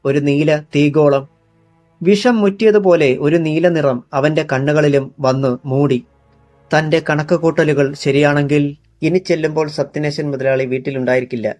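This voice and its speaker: A man's voice: medium pitch, a little mellow, dry recording. A man reading a crime thriller audiobook in a tense, dramatic narrating style into a close studio mic.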